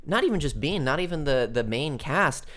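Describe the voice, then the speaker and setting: Man, casual podcast chat, jokey, rambling, very lively pitch. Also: moderate pace. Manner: rambling, jokey, lots of fillers and restarts. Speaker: podcast co-host.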